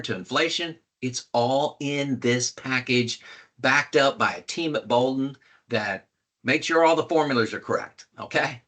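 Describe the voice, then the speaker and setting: A man's voice: medium pitch, bright, forceful tone. An older man hosting a casual screen-share tutorial on retirement planning, folksy and emphatic, repeating key points. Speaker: retirement planning video host.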